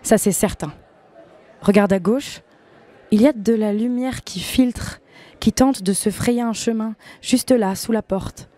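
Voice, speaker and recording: A woman giving a slow, deliberate literary reading, live on a public festival radio set. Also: mid-range voice, warm tone. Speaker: guest reader.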